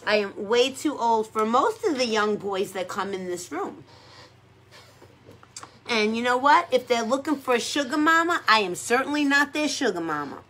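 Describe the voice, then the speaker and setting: A woman's voice: on the high side, animated, moderate pace, a bit bright, slight background noise. A middle-aged woman from New York with a New York accent, hosting a casual livestream chat while doing her makeup, brash and chatty and often repeating herself. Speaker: livestream host.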